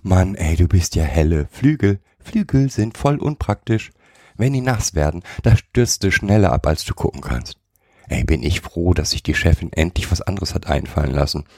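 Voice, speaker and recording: A chubby little gnome croaks and grumbles in brash street slang, put on by a man reading a storybook aloud. His voice sits very deep and gravelly, dark and husky. The sound is dry and close. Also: lively intonation, normal speed, no echo. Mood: grumpy, cheeky. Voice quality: croaky, says "ey" constantly. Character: cheeky little fat male gnome, slangy.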